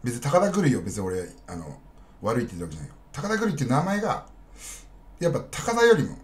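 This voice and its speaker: A man streams live in a loose, rambling chat, speaking bluntly and turning often to address his viewers. His pitch swings widely, rising and dropping from line to line. His voice sits at an ordinary middle pitch for a man. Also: huge pitch swings, quick pace.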